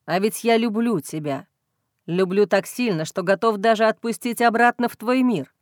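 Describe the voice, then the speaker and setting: A woman voicing a young male werewolf alpha, intense and tender, in a lowered, hushed voice for an audiobook. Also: moderate pace, no echo, clean studio sound, natural voice. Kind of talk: audiobook reading.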